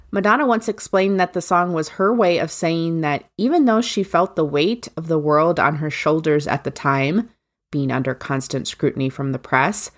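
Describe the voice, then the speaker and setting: A woman co-hosting a music podcast, frank and quick to laugh. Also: sits low. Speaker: podcast co-host. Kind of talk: casual chat.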